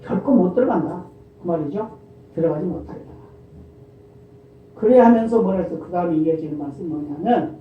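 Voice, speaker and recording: A male pastor preaching a sermon, often asking the congregation questions and answering them himself, and reading scripture in a slow, formal cadence. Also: sits high, a little hiss or hum. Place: church sanctuary. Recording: echoey church hall from far off, dull lo-fi sound.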